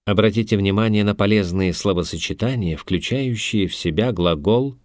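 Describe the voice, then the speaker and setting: A man narrating a language lesson in a measured, instructive way, recorded on a close studio mic. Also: lowish voice, a little mellow, no room sound.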